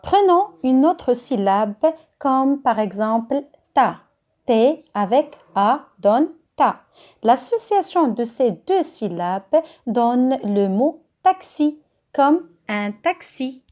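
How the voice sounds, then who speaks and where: A woman's voice: a little high, very animated, slow pace, darkish tone. A woman teaching a phonics reading lesson to young children, spelling letters and syllables out carefully, with a Moroccan French accent. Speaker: kindergarten teacher.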